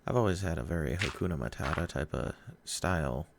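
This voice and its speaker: A man's voice: a bass voice, animated, a little fast, vocal fry. A man chatting in a rambling, hesitant way while playing a game, often stumbling over his words. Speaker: gaming vlogger. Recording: noisy home recording.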